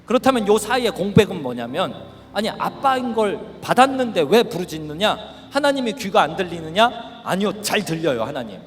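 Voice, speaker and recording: A middle-aged male pastor preaching at a youth camp, animated and shouting at the peaks. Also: high-pitched, normal speed. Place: large worship hall. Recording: reverberant hall with faint music.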